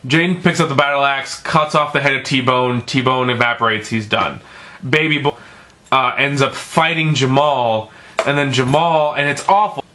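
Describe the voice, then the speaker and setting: A man's voice: medium pitch, normal speed, sharp tone, slight background noise. A man giving a casual, profane film review, rambling and stumbling over his words, with emphatic, exasperated complaints.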